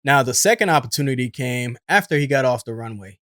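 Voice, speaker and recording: A man's voice: mid-range voice, expressive, a little fast, a bit bright, no room sound. Dry-sounding male explainer voice-over. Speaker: host and commentator.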